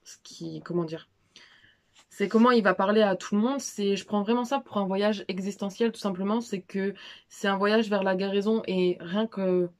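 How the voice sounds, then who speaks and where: A woman's voice: medium pitch, steady tone, moderate pace, a little mellow. Chatty young woman, casual slangy vlog. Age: young adult. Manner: chatty, informal, many fillers and restarts; self-deprecating asides. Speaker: book vlogger. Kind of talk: casual monthly reading recap.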